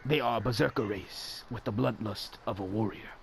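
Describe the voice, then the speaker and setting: A man voicing a solemn, awed nature documentary narrator in a deliberate, dramatic mock-wildlife commentary. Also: lowish voice, gravelly, a little hiss or hum, voice pushed down. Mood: grave, dramatic. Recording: music behind the voice.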